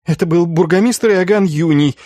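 A man's voice: high voice, moderate pace, warm tone, dry recording, clean studio sound, voice pushed up, close to an everyday voice. A man voicing a terrified accused sorcerer who pleads frantically and tearfully. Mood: pleading.

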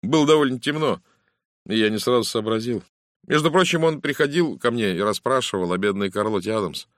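An anxious young stage actor, as a male reader puts him on, apologetic and hesitant, filling his gaps with little "er"s. The voice is lifted a little above the reader's own low tone. The audiobook recording is dry and close. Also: lively intonation, brisk, dry recording, lightly acted. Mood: uneasy. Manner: hesitant, apologetic, with filler sounds. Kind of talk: audiobook character voice.

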